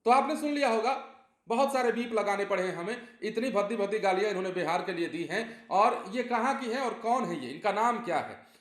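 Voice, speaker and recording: High-pitched man presenting news, roomy echo. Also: expressive, a little fast. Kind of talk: news report narration with commentary.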